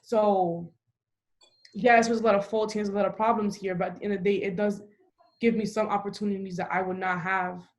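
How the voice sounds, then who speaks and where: A woman's voice: medium pitch, fairly even intonation, brisk. A young woman from the Dominican Republic, talking casually on a podcast, emphatic and full of "like" fillers. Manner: talkative, frequent "like" fillers, emphatic. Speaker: podcast host.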